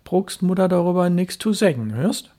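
A man voicing a worried fisherman father who speaks in a Low German dialect in blunt, short questions. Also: very animated, moderate pace, warm tone. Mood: concerned.

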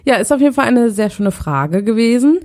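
A woman's voice: on the high side, animated, a little fast, darkish tone. A woman co-hosting a chatty podcast, teasing her co-host as she runs a guessing game. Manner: playful, teasing quizmaster. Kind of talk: casual chat, running a quiz game.

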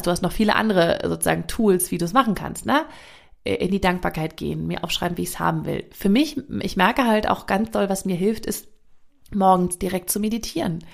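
A woman's voice: mid-range voice, gravelly. A woman hosting her own podcast, talking in a frank, reflective self-help monologue with the odd casual swear. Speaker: podcast host.

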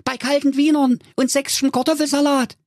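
A man's voice: high voice, very animated, normal speed, no echo, clean studio sound, pitched above the performer's own voice. A man voicing a bubbly, cheerful young nephew who gushes with joy. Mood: gushing. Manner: bubbly, gushing.

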